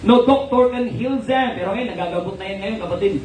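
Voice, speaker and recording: A man's voice: sits high, fairly quick, darkish tone, reverberant, far from the mic, slight background noise, rough recording. A man with a Filipino accent preaching a sermon in a church, switching between Tagalog and English and often asking the congregation "amen?". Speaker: pastor. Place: church hall.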